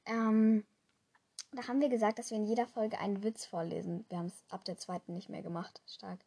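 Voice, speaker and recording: Young woman, casual podcast chat, husky, strained voice, rambling, lots of fillers. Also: medium pitch, little pitch movement, a little fast, warm tone. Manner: chatty, rambling with many fillers. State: strained voice from shouting. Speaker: podcast co-host.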